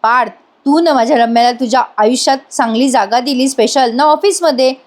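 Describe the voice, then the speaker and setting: A sharp-tongued aunt, voiced by a woman retelling a serial, scolds in a slightly raised, needling tone. She pokes at her listener line after line, defending her niece. The manner is chatty and pointed rather than shouted. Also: high voice, brisk, close to an everyday voice. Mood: scolding.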